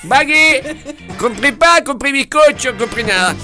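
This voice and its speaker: A high, bright man's voice swings all over the place as he jokes around on radio. He teases his co-host and slips into snatches of song. Music plays faintly under him. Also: lively intonation, a little slow. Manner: jokey, teasing, breaks into song. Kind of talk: playful radio banter.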